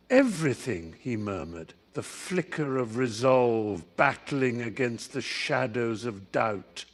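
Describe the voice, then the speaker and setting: A man calmly narrating a bedtime story in a gentle, unhurried voice. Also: mid-range voice. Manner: calm, unhurried, gentle reading.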